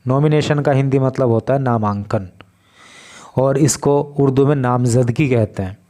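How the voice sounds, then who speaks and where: A man's voice: mid-range voice, dark tone. A man teaching English vocabulary in Hindi, patiently explaining newspaper words one by one. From India. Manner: slow, patient word-by-word explanation.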